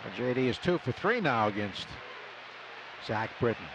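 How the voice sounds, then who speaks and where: In a stadium broadcast booth, an American man gives live radio play-by-play of a baseball game in an expressive, medium-pitched voice at a moderate pace. The sound is muffled, with loud ballpark ambience behind him.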